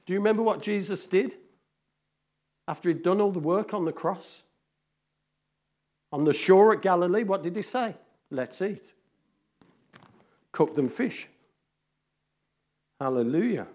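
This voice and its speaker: A man preaches an informal sermon, his voice sitting a little high for a man. He teases the congregation by name and swings between loud calls and hushed asides. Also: lively intonation, moderate pace, long pauses. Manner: chatty, teasing the congregation by name. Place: church hall among a congregation.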